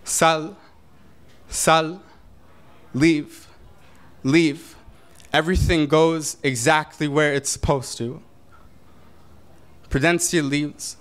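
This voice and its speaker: In a small brick-walled venue, a young male slam poet performs spoken word, starting slow and deliberate before building to intense declamation. His voice is a little high, a bit bright, and smooth.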